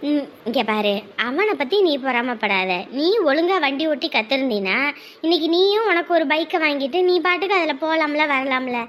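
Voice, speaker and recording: A woman's voice: high-pitched, animated, normal speed, fairly bright tone. A woman playing a mother who soothes and scolds her two quarrelling sons in a family comedy sketch. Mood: scolding. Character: weary mother refereeing her bickering sons.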